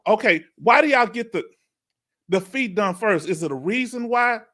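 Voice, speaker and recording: Middle-aged man, Houston Texas accent, casual livestream host, easygoing and talkative, fairly high voice. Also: animated, normal speed, pushed and bright. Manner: laid-back, chatty, laughs often. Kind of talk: casual live Q&A chat.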